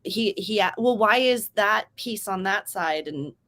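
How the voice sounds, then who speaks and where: At a measured pace, a young woman running a writing stream tells lively stories in casual chat. She performs quoted speech with big leaps in pitch.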